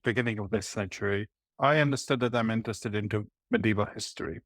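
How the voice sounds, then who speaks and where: A man in his forties from Latvia, a historian answering interview questions in English in a thoughtful, halting way, with fillers and restarts. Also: lowish voice, no room sound. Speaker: guest historian.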